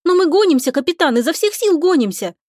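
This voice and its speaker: A woman voicing an eager, dutiful young woman pilot on a starship, reporting briskly to her captain in an audiobook. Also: sits high, sing-song, no echo, studio quality, pitched above the performer's own voice. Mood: anxious.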